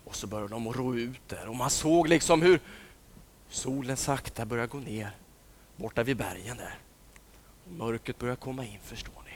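A man's voice: mid-range voice, slight background noise. A man telling a story to children, often dropping into whispers for suspense and asking his listeners questions. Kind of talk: dramatic storytelling.

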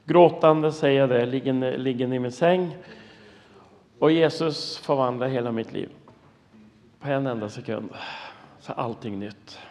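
A man in his fifties, a pastor, giving an earnest, emotional sermon testimony and dropping to a hushed voice for prayers. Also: mid-range voice, long pauses, long reverb tail. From Norway and the United States.

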